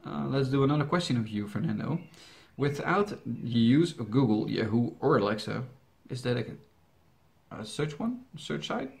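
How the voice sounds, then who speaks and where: A young man from the Netherlands, Dutch by mother tongue, hosts a YouTube reaction channel and responds to viewer questions in English. He speaks at a normal pace in a mid-range, sing-song voice with vocal fry and a slightly mellow quality. His answers ramble and joke, riddled with hesitations, fillers and restarts.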